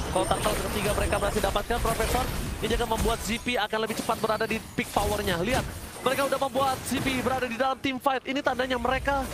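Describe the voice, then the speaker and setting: A man with an Indonesian accent giving live esports play-by-play in an excited fighting game announcer manner, as a tournament caster. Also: sits high. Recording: loud music behind the voice. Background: loud background music.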